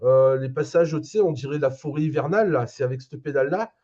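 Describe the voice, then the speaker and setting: Fast-talking dark-voiced man. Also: mid-range voice, muffled recording. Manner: animated, lots of restarts. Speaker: guitarist. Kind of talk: casual band interview.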